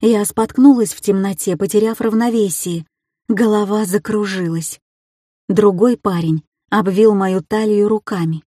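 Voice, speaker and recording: A woman's voice: medium pitch, fairly even intonation, measured pace, warm tone, no echo, studio quality. A woman narrating a story in the first person with a tense, emotional reading. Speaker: audiobook narrator.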